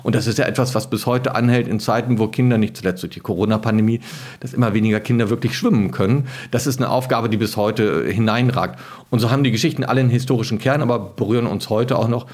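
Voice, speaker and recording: Lively low-voiced male storyteller. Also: fast. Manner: lively, storytelling explanations with occasional hesitations. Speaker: historian and author, guest. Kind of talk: interview answers.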